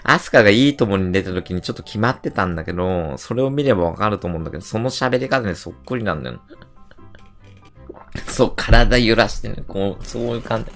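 A man livestreaming in casual chat, telling stories in an animated, rough and slangy way. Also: lowish voice, fast talker, hardly any pauses, faint music behind. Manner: animated ranting storyteller, rough slangy speech.

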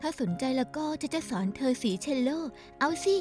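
A gentle, pleading young lady. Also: sits high, lively intonation, fairly quick, over music. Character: young women of a wealthy household, gentle and pleading. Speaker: Thai dub voice actress. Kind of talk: dubbed TV drama dialogue.

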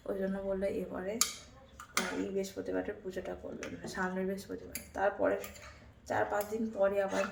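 A woman narrates her day at home in a hushed, worn-out voice with a gravelly rasp. Her voice rings in an echoey room, and dishes and pans clatter around her. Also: mid-range voice, level tone, brisk. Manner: speaks softly and quietly after a workout. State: tired after exercise. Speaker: vlogger. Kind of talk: casual daily vlog narration. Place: home kitchen. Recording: echoey room with loud household noise.

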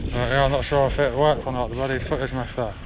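A young man rambles along, chatty and easygoing, as he films himself fishing on a sea wall. Loud wind batters the camera mic the whole time, and water is heard behind him. His voice sits at an ordinary middle pitch for a man. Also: level tone, fast talker. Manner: rambling and chatty, repeats "but yeah" a lot. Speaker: angler vlogger. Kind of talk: casual outdoor vlog. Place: outdoors on a sea wall by the shore. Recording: loud wind noise outdoors.

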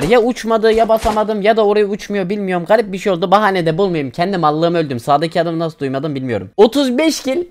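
A man giving casual, excitable gameplay commentary, chatting to viewers and teammates and swearing casually. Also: sits high. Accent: Turkish. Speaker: gaming YouTuber.

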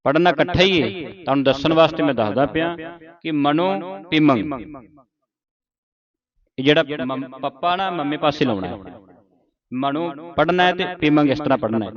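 A man's voice: fairly high pitch, dull audio, crowd noise. A man teaching scripture pronunciation, reciting line by line and having students repeat, sometimes singing phrases. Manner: slow, syllable-by-syllable drilling with sung phrases.

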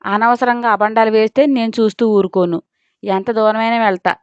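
A woman's voice: fairly high pitch, fairly even intonation, fairly quick, clear, resonant tone, no room sound, close to an everyday voice. A woman voicing a proud, fiery young woman designer who snaps back indignantly. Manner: indignant, raises her voice. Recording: dull lo-fi dry recording.

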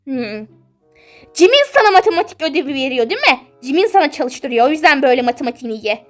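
A woman's voice: high voice, very animated, fast talker, soft background music. A woman voicing a strict, nosy middle-aged mother in a toy-game role-play, scolding and suspicious.

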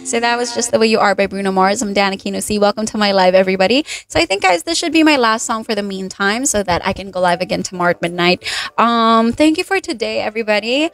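A young Filipino woman, a livestream singer and host, chats between songs from her living room into a handheld mic. Her medium-pitched, slightly hoarse voice is animated and quick, with a Filipino accent and Tagalog words mixed in.

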